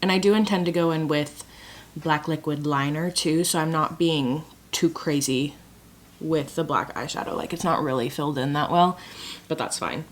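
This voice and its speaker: A woman's voice: sits low, normal speed. A young woman talking casually while doing her makeup, chatty and dramatic, mocking herself. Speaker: beauty vlogger.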